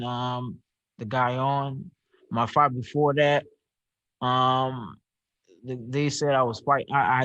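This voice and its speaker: A young man with a Barbadian accent, a professional boxer answering press questions on a video call, halting and repeating words as he searches for them. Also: mid-range voice, a bit bright, dry recording. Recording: dry, slightly dull video-call audio.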